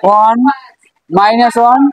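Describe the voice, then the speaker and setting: A woman's voice: fairly high pitch, steady tone, normal speed, rough recording. A woman teacher with a Bangladeshi Bengali accent, leading a classroom math lesson, asking questions and repeating answers.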